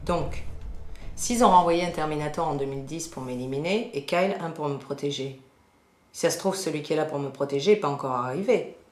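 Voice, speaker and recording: A woman's voice: sits low, a little fast, lightly acted. A woman playing a pragmatic, sceptical mother hunted by machines in a film parody, talking in a casual, matter-of-fact way. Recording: roomy, some background noise.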